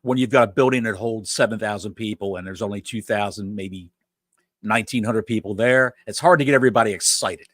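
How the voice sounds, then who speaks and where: A man's voice: on the low side, brisk, a bit bright, no room sound. A man co-hosting a podcast, explaining things in a dry, matter-of-fact way in casual chat. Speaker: podcast co-host.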